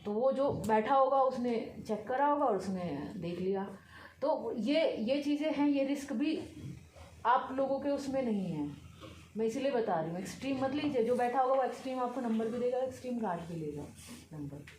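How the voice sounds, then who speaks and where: A woman's voice: on the high side, animated, moderate pace, darkish tone, reverberant, a little hiss or hum, low-quality recording. A woman in her thirties from India, a civil servant giving earnest, conversational exam advice. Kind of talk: casual advice talk.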